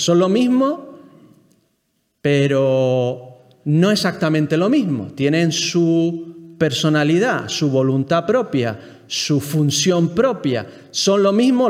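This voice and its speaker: Higher-voiced Spanish man teaching in a hall. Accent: Spain Spanish. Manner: explanatory, keeps checking in with the listeners and asking them questions. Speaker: Bible teacher. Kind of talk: Bible class lecture to a group.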